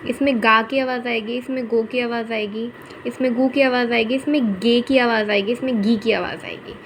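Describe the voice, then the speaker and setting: A woman's voice: a little high, steady tone, moderate pace, slight background noise, low-quality recording. A woman teaching a Spanish pronunciation lesson in Hindi, repeating each example word patiently and saying "okay" often.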